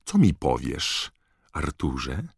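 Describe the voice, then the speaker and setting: A man voicing a short, plump, motherly witch who sounds suspicious and quietly threatening. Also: very deep voice, huge pitch swings, slow, gravelly, husky, no room sound, clean studio sound, full character voice. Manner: warm yet menacing.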